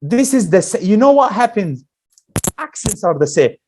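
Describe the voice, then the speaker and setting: A male Quran teacher leading a classroom lesson, slowly drilling letter sounds and asking the class questions. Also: high-pitched, sing-song, darkish tone, a little hiss or hum.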